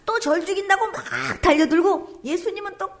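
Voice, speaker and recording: A woman's voice: very high-pitched, fairly quick, background noise. A woman pastor giving an emotional testimony sermon, telling her story with exclamations and dropping at times to a whisper.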